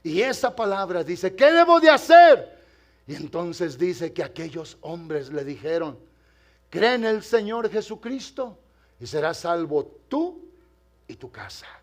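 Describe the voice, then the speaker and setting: An older man, a pastor, preaching a sermon to a congregation, moving from quiet storytelling to loud, impassioned preaching and addressing the listeners directly. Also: on the high side, expressive, a little slow. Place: church.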